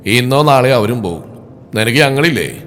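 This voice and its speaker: A man voicing an easygoing older father who teases gently. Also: medium pitch, expressive, brisk, faint music behind, pitched below the performer's own voice, lightly acted. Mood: teasing.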